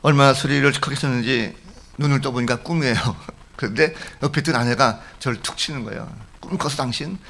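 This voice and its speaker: A man's voice: mid-range voice, fairly quick, a bit bright, a little hiss or hum. A middle-aged male pastor preaching a sermon in a church, telling humorous stories and acting out the voices of the people in them. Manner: storytelling with jokes, acting out quoted voices. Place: church sanctuary.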